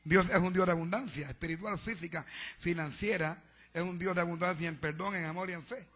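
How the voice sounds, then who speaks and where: A man's voice: sits high, fairly even intonation, fairly quick, fairly bright tone. A man preaching a fervent sermon to his congregation, urging them and calling out to them. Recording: dull lo-fi sound.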